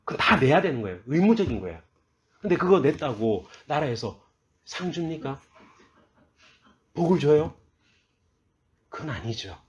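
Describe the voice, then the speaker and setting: Lively, animated Korean pastor preaching. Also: male voice, a little high, moderate pace, pauses often, lo-fi sound. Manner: asks the listeners questions and answers them himself; reads scripture aloud in a raised, forceful voice. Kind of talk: sermon.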